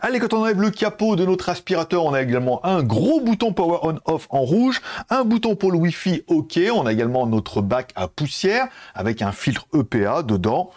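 A man's voice: a little high, lively intonation, moderate pace, few pauses, a little mellow. A man from France hosting a casual, chatty product review video, full of fillers and asides. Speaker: tech reviewer.

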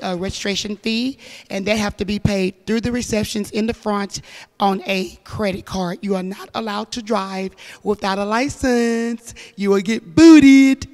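Direct school staffer woman in an echoey room. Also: mid-range voice. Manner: direct, step-by-step instructions. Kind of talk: answering questions in an interview.

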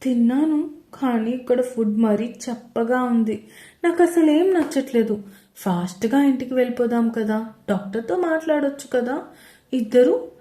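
A woman's voice: a little high, moderate pace, mellow, reverberant, natural voice. Woman putting on a whiny, childish young wife. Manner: whiny and pleading.

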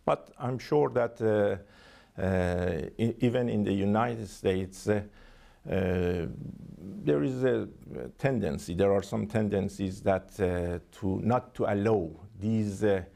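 A man with a Persian accent gives formal interview answers as a diplomat. His voice is dark and creaky, and he talks very slowly, with halting phrasing and many hesitations. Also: lowish voice. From Iran.

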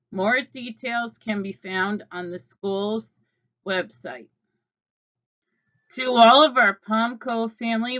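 A woman coach reading the morning announcements over a school intercom, in a measured, formal way, phrase by phrase. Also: mid-range voice, fairly bright tone, lo-fi sound.

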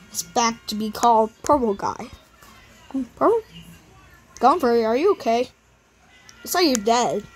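A woman's voice: on the high side, low-quality recording. A woman improvising a plush puppet show, rambling with lots of fillers and switching between character voices.

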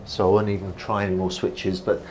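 A man's voice: low voice, level tone, brisk, darkish tone, slight background noise. Chatty man touring a yacht. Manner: enthusiastic, chatty, guiding the viewer. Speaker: yacht reviewer. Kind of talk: walkthrough tour commentary. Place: outdoors on a yacht deck and inside its saloon at a boat show.

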